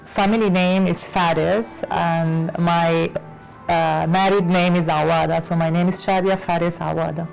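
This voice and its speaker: A woman fashion designer from Lebanon, raised in Latin America, answering interview questions with many pauses and fillers. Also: on the low side, fairly even intonation, vocal fry, a little mellow, faint music behind, rough recording. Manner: hesitant, many fillers and restarts. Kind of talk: conversational interview.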